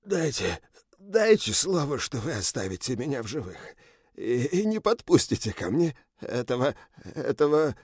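A man voicing a wounded captive general who pleads for his life and then threatens his captors, hoarse and strained. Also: sits low, moderate pace, no room sound, clean studio sound. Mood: pleading. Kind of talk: audiobook character reading.

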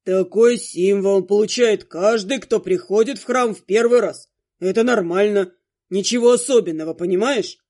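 A grumpy male ghost monster, as a woman reader puts him on, speaking in a low, gravelly grumble. He keeps his lines short and curt, fussing over the heroine. Storybook audiobook character voice. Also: moderate pace, mellow, close to an everyday voice. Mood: grumbling.

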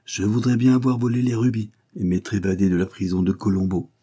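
A man's voice: fairly low pitch, flat delivery, a little fast, dark tone, slightly rough. A man voicing a frightened captive English engineer, pleading in a strained, anxious way.

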